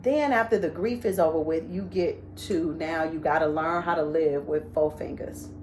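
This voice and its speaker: A woman speaking in a slightly low voice, telling a lively inspirational story. She talks in a casual, conversational way, often checking in with her listeners and acting out the voices of the people she describes. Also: a little hiss or hum. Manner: conversational, asks "right?" often. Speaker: motivational speaker. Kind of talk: informal inspirational talk.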